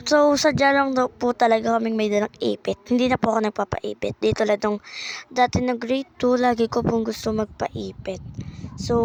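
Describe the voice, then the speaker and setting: A woman's voice: on the high side, slight background noise. A ten-year-old girl narrating her school day in a casual vlog, talking politely and chattily. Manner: polite, uses po often, chatty. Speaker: child vlogger.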